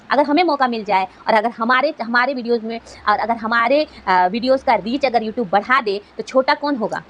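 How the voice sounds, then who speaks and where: A woman's voice: a little high, rough recording. A woman YouTuber giving an earnest motivational talk to fellow creators, asking rhetorical questions as she goes.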